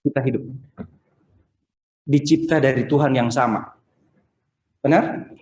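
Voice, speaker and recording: A man's voice: medium pitch, measured pace, a little mellow. A man preaching a conversational sermon over a video call, telling anecdotes and acting out other people's lines. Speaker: pastor. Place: church service streamed over a video call. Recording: roomy, echoey video call; echoey.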